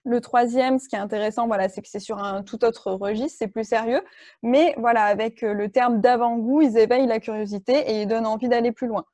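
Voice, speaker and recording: A woman's voice: fairly high pitch, steady tone, fairly quick, dark tone, no echo. A woman leading an online workshop, explaining step by step with frequent fillers and restarts. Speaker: workshop trainer.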